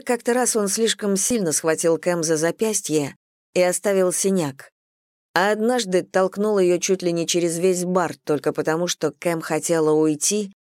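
Audiobook narrator: woman, low voice, dry close sound, even measured read. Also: no echo. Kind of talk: scripted narration.

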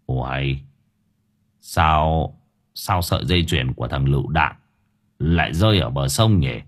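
Man doing a gruff old village sorcerer. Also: very deep voice, lively intonation, unhurried, voice pushed down. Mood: puzzled.

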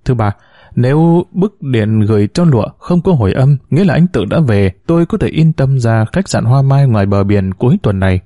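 Narrating a novel for an audiobook, a man tells the story in a measured, expressive way. His voice sits mid-range, captured in a dry, studio-quality recording.

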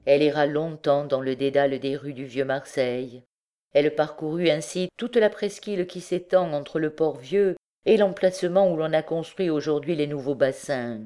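A woman reading a classic novel aloud as an audiobook, in a steady, clear narrating voice. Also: low voice. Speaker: audiobook reader.

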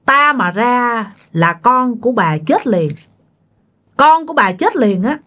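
A woman putting on a high, forceful demon lord. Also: big pitch swings, takes it slowly, full character voice. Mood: stern. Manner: proclaiming, stern.

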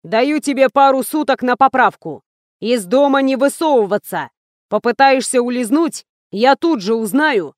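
A nervous male blackmailer who snaps out terse commands, as a woman reader gives him voice. His lines stay short and gruff in a fairly high voice. The sound is dry and close. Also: expressive, normal speed, no room sound. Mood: curt. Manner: curt, barking.

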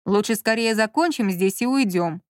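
A woman's voice: medium pitch, normal speed, no echo, studio quality, natural voice. A woman reading an audiobook and voicing a curt, impatient man who scolds and teases his partner. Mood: irritated. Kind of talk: audiobook character voice.

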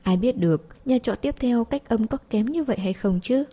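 A woman voicing a shy, easily embarrassed young wife, speaking softly in an audiobook. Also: a little high, moderate pace, voice pushed up, lightly acted. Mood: bashful.

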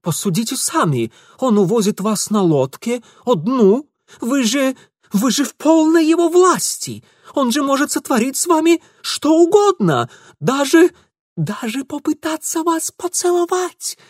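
Brief: narrator playing an indignant young hothead, shrill and loud, audiobook, dry close sound. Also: male voice, sing-song, measured pace, no room sound, heavily acted. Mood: furious. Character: jealous, hot-headed young man.

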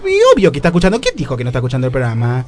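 Man, Argentine accent, campy talk show host, exclamatory, very lively pitch, faint music behind. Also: very fast. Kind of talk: comedy radio sketch.

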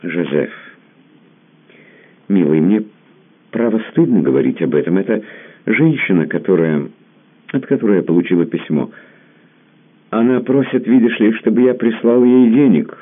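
A man's voice: on the low side, moderate pace, long pauses, pitched above the performer's own voice, close to an everyday voice. A man putting on Tamara, a coquettish young woman. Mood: coy. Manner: teasing, pouting, half childish. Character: capricious coquettish young woman, playful and teasing. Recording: tinny phone-like sound.

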